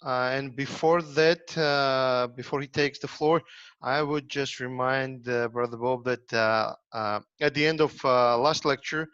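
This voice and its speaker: A man's voice: mid-range voice, steady tone, a little slow, a bit bright, smooth. A man chairing an online lecture as moderator, speaking hesitantly with many filler sounds over a video call. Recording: dull, dry lo-fi audio.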